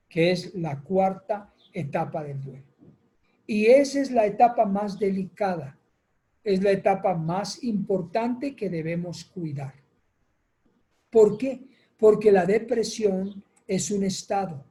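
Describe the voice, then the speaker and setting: A man teaching a psychoeducational class, lively and expressive, acting out small scenes and often asking his listeners "¿verdad?". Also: high voice. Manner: animated teacher, acts out little scenes, asks "¿verdad?" often. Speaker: instructor. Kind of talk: psychoeducational lecture.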